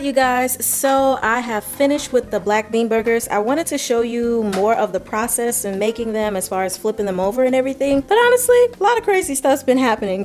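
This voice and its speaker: A woman hosting a casual home cooking vlog, chatty and enthusiastic, talking straight to her viewers from her kitchen. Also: fairly high pitch. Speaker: cooking vlogger.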